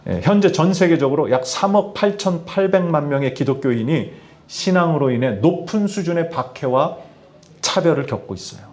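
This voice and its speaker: A middle-aged pastor with a fairly high-pitched voice delivers a sermon at a moderate pace in a Tianjin, China church. He addresses his congregation directly, frequently asking them questions and stressing points with lively emphasis.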